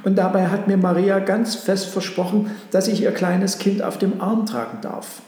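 A man's voice: high-pitched, little pitch movement, moderate pace, a little mellow, roomy sound, long reverb tail, voice pushed up, close to an everyday voice. A man voicing an older farm girl in a storybook, plaintive and wistful.

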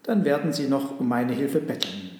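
A man's voice: mid-range voice, animated, normal speed, a little mellow, heavy reverb, in a large hall, lightly acted. A man voicing a greedy, impatient merchant who grumbles and barks orders in a storybook reading. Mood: irritated. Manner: grumbling, commanding.

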